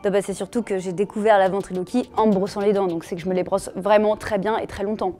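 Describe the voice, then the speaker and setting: A woman's voice: mid-range voice, level tone, quick pace, warm tone, soft background music. A young woman ventriloquist chatting casually in an interview, playfully teasing her puppet partner. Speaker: ventriloquist performer.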